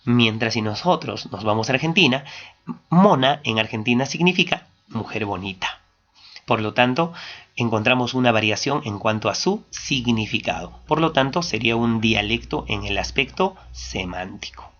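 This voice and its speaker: A man's voice: medium pitch, lively intonation, fairly bright tone. Peruvian teacher, man, Ayacucho accent, mid voice, self-answered questions, dull lo-fi audio. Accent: Peruvian Spanish, Ayacucho. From Peru. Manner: asks rhetorical questions and answers them; stresses key terms, stretching some words slowly. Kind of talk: classroom lecture. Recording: dull lo-fi recording.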